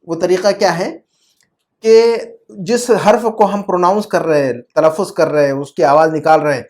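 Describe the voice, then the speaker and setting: A teacher of Arabic, recorded over a computer mic on a video call, walking a student through pronunciation. The delivery is patient and repetitive, with frequent checks that the point is clear and English words dropped in, all at an average pitch. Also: a little mellow. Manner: patient, repeats words and checks understanding often; mixes English terms into explanations. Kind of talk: online class explained in Urdu. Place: online video class.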